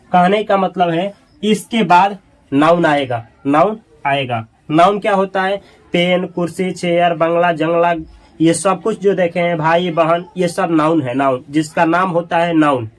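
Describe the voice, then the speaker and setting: A man teaches an English grammar lesson at an unhurried pace. He repeats each example several times and keeps asking his students questions. His voice sits fairly high and goes low and quiet whenever he points out an error. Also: low-quality recording. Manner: repeats key words slowly, drilling students with questions; drops low and soft when marking mistakes.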